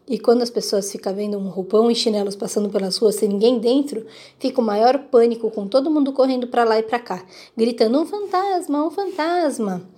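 A woman reading a children's book aloud in a lively, expressive way. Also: fairly high pitch, fairly quick. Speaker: reader.

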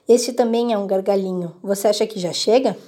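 A woman voicing a big gentle male giant in a storybook reading, soft and mild. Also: medium pitch, fairly quick, close to an everyday voice.

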